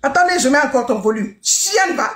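A woman hosting a live stream, shouting scornful insults with mocking laughs. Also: sits high, animated, a little fast, roomy sound.

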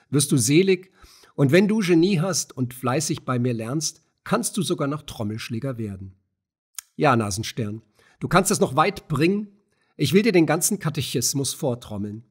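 A man's voice: medium pitch, expressive, moderate pace, breathy edge. A man voicing a hearty, boorish town drummer in an audiobook reading. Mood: bluff. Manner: bluff, coarse.

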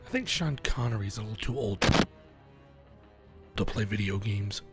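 A man's voice: fairly low pitch, moderate pace, over loud music. A man giving casual, wry commentary while playing a shooter game. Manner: wry, joking asides. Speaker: gamer commentator.

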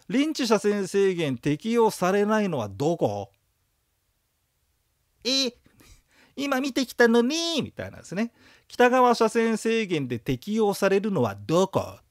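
A man with a fairly high voice lecturing in a recorded audio class. His delivery is casual and joking, his pitch swings a lot, and he leads his listeners through rhythmic memory chants. The sound is dry and close. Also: huge pitch swings, normal speed, no room sound. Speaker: exam prep lecturer.

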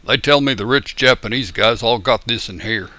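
A man's voice: mid-range voice, normal speed, sharp tone, no room sound, natural voice. A man doing a blunt used car dealer. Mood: boastful.

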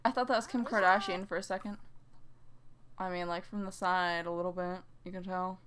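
A woman's voice: on the low side, fairly even intonation, fairly quick, a bit bright, slight background noise. A young woman giving casual let's play commentary, chatty and teasing, laughing often. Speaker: gamer.

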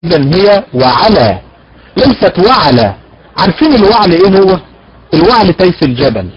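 A man teaches recitation in a voice pitched somewhat high. He draws out example words slowly, then speeds through his explanations and answers his own questions. The recording sounds dull and lo-fi. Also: sing-song, a crowd in the background. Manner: slow demonstrations of word stress contrasted with brisk explanation; asks rhetorical questions and answers them himself. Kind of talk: recorded lecture.

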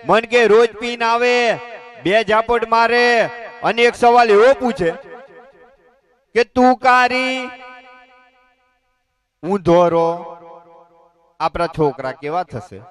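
Stand-up comic, male, Gujarati accent, high pitch, folksy storyteller who does the other characters. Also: slow pace, a bit bright. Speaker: comedian and stage host. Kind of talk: live stand-up joke telling.

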